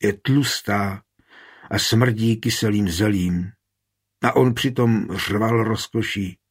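A man with a husky voice reading an audiobook, raising his voice for an impulsive, bitter young woman. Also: on the low side, steady tone.

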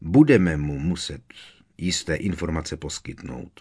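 A man reading aloud, voicing a calm, deliberate middle-aged husband who speaks slowly and evenly. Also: a bass voice, slightly rough, full character voice. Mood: measured. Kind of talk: audiobook character voice.

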